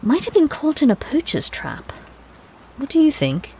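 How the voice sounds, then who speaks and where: Lively quirky time-travelling doctor played by an actress. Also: female voice, sits high, moderate pace, exaggerated voice. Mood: alert, wry. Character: brisk, quirky, jolly time-travelling doctor, observant and protective. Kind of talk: audio drama acting.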